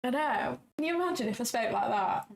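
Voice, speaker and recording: A woman's voice: fairly high pitch, lively intonation, a little fast, vocal fry, a little hiss or hum, low-quality recording. A woman hosting a trading livestream, chatting casually, giggling and swearing freely. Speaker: livestream host and futures trader.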